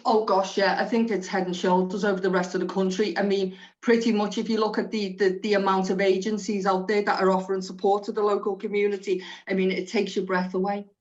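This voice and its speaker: A woman is being interviewed on radio about her work. Her delivery is earnest and explanatory, with little pitch movement. The sound is a little dull and lo-fi. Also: little pitch movement, fairly quick, few pauses. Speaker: social prescriber being interviewed.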